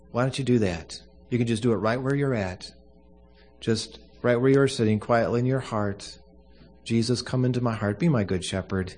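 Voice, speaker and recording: A man speaking as a pastor at a funeral service, giving a solemn, earnest prayer in measured short phrases. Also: mid-range voice, darkish tone.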